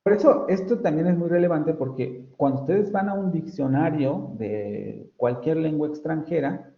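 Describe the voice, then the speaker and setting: A man's voice: fairly high pitch, normal speed, vocal fry. A man with a Mexican Spanish accent, a university professor giving an online phonetics lecture, explaining patiently and correcting himself often. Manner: explanatory, self-correcting, frequent fillers. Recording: roomy, dull lo-fi audio.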